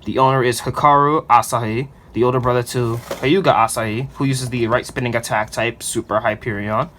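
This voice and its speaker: A man in the middle of his pitch range chats his way through a toy unboxing, enthusiastic and loose with his fillers. A faint hum of room ambience sits behind his close, casual voice. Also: steady tone, brisk, a bit bright.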